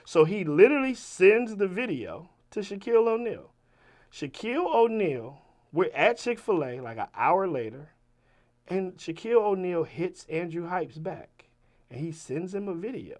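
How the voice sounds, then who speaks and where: Profane storytelling man, high-ish voice. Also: big pitch swings, moderate pace. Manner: profane, swings from loud to low. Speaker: rapper guest. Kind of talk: animated storytelling.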